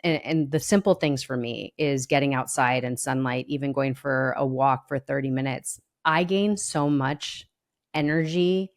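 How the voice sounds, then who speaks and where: A woman hosts a podcast interview in a relaxed, chatty style. Her voice is low for a woman, and she sounds upbeat and enthusiastic as she talks. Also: a little slow. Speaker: podcast host. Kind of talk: casual interview chat.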